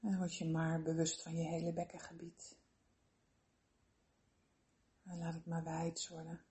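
A woman leading a slow guided relaxation meditation in a soothing, gentle, unhurried manner with long pauses. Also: deep voice, monotone.

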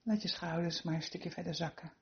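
A woman leading a guided relaxation meditation with soothing, unhurried instructions and gentle encouragement. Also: fairly low pitch, steady tone, dull audio.

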